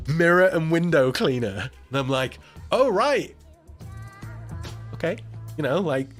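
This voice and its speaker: A man hosting a live stream, telling a story in casual chat, acting out the voices of the people in it and laughing often. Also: mid-range voice. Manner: animated, acts out quoted voices, laughs often, swears.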